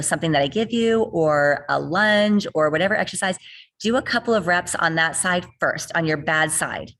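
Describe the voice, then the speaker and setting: A woman's voice: low-pitched, fairly bright tone. A middle-aged woman fitness trainer on a video call, explaining rehab ideas earnestly and repeating key points for emphasis. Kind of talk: explanatory interview talk.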